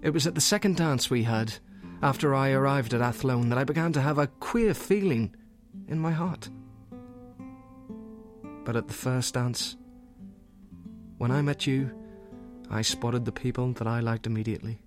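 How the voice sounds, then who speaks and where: A man's voice: mid-range voice, normal speed, pauses often, music in the background, lightly acted. A man playing an earnest young soldier writing love letters. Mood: tender. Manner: earnest, gentle, softly intimate. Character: young male soldier writing tender letters to his sweetheart. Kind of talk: dramatic reading of wartime love letters.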